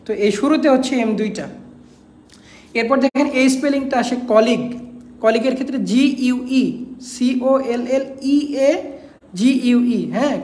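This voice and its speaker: A woman with a somewhat high, darkish voice leads an exam-prep English class, spelling words out letter by letter and going back over the main points for her students. The room sounds echoey and spacious.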